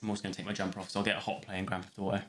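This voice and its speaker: A man's voice: low voice, flat delivery, racing. A young man chatting casually on a live stream, rambling between topics and thanking viewers. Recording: roomy sound with faint music.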